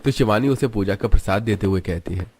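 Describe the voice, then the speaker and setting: A man narrating a family drama story in an even, storytelling way. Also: fairly low pitch, fairly quick, a little hiss or hum.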